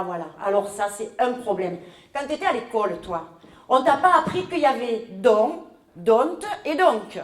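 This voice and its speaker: A woman playing a talkative middle-aged mother from the south of France with a southern French accent, rambling and indignant in a live comedy sketch. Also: fairly high pitch. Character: chatty southern French mother, newcomer, scheming. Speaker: comic stage character. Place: large echoey hall. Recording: roomy live hall sound.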